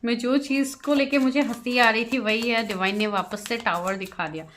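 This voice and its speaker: A woman's voice: a little high, fairly even intonation, normal speed, a bit bright, a little hiss or hum. A woman giving a tarot reading to her viewers, chatty, often laughing and mixing English phrases into her talk. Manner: giggly, keeps breaking into laughter. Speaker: tarot reader.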